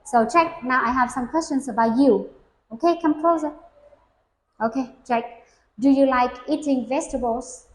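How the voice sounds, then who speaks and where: A woman's voice: high voice, moderate pace. A woman giving an English speaking test to a young learner. She asks simple questions patiently and models full sentences for the child to repeat. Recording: echoey room.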